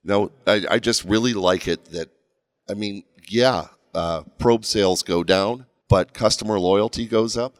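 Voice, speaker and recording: A man with a deep, smooth radio voice, chatting casually as a podcast guest and explaining technical work with easy repetition. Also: unhurried, no room sound, studio quality. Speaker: podcast guest, coatings inspection expert.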